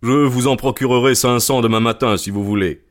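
A man reading an audiobook, voicing an irritable middle-aged goose seller who talks gruffly and boastfully. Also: medium pitch, fairly even intonation, brisk, lightly acted. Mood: brusque.

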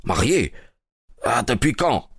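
A man voicing a proud, impatient king with an excited, insistent manner in an audiobook reading. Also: medium pitch, slow, vocal fry, slightly rough, no echo, studio quality, exaggerated voice. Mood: agitated.

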